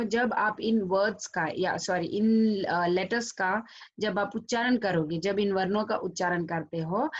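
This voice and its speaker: A woman teacher giving a recorded lesson to children, drawing sounds out slowly and mixing English words into her speech. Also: mid-range voice, lo-fi sound. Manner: slow, drawn-out pronunciation of sounds for children; mixes English words into Hindi. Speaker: school teacher.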